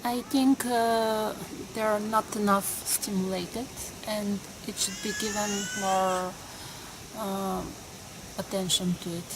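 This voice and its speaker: A woman of twenty-two, a student answering interview questions slowly, pausing often on fillers. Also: mid-range voice, fairly even intonation. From Bulgaria. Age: 20s. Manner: hesitant, many pauses and fillers. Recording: noisy background.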